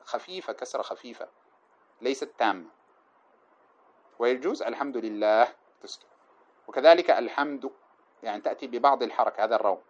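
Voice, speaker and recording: A man teaching a class on an old didactic poem, chanting the verses slowly and then explaining them in quick, plain lecture speech. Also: medium pitch, lively intonation. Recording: dull lo-fi lecture recording.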